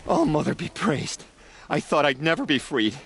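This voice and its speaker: A man playing an aggrieved, excitable herb gatherer in a video game, with a dramatic, indignant delivery. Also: on the high side, normal speed, slight background noise. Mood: relieved. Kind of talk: video game dialogue acting.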